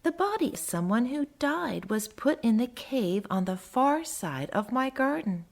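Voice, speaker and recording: A friendly little garden mole tells a storybook tale in first person, as a woman reads it aloud. The voice swoops and lifts with lots of melody. The storytelling stays slow and unhurried, earnest and curious. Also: mid-range voice, exaggerated voice. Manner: expressive, sing-song storytelling. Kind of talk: children's storybook reading.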